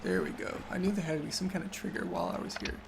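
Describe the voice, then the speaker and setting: A man's voice: high-pitched, big pitch swings, rapid-fire, gravelly, noisy background. A young man casually commenting while he plays a video game, reminiscing and losing his train of thought. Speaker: let's play host. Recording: loud game music behind.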